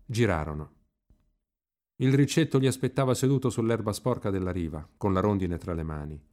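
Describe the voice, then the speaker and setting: A man reading a novel aloud in an expressive, lively literary narration. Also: fairly low pitch, fairly quick. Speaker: reader.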